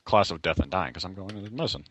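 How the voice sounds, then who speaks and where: A man's voice: low voice, lively intonation, racing, a bit bright. A young man co-hosting a casual podcast over an online call, blunt and swearing freely. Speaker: podcast co-host. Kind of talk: casual chat.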